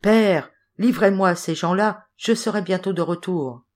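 A woman voicing a tiny, bold and playful boy in a storybook, calling out in a high, bright voice. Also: a little slow, close to an everyday voice. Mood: cheeky.

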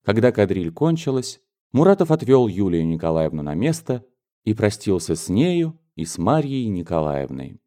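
A man narrating an audiobook of a classic novel in an expressive, measured way. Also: on the low side. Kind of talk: scripted narration.

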